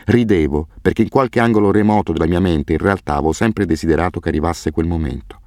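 A man reading a first-person novel aloud as an audiobook narrator, in a grave, measured way. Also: low voice, a little mellow, no echo, clean studio sound. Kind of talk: scripted narration.

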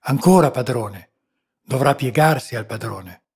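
A man's voice: medium pitch, animated, a little slow, a little mellow, breathy edge, exaggerated voice. A man reading the part of a devoted male servant who murmurs deferentially. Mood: reproachful. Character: devoted male servant, soft-spoken and watchful.

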